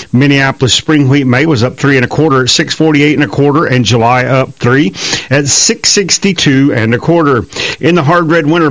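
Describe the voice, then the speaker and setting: A man's voice: medium pitch, fairly bright tone, no echo, low-quality recording. An American man reading a scripted commodity price report into a close studio mic. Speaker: farm market reporter.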